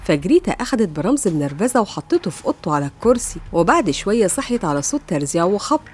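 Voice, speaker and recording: A woman with an Egyptian Arabic accent telling a film's story as a fast recap narrator. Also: medium pitch, big pitch swings, breathy edge.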